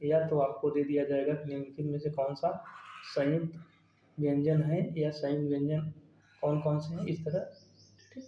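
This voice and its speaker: A man's voice: fairly high pitch, little pitch movement, moderate pace, dark tone, slight background noise. A man, teaching grammar for an exam-prep lesson, asking questions and then answering them step by step. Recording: dull, roomy sound.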